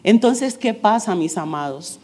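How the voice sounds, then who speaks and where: A woman's voice: medium pitch, animated, measured pace, dark tone. A woman in her forties giving a testimony sermon to her congregation, earnest and direct, asking rhetorical questions.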